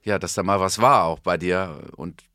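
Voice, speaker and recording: A man's voice: sits low, normal speed, pushed and bright, no room sound, clean studio sound. A man co-hosting a podcast, talking about the guest's training progress in a rambling, casual way. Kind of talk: casual chat.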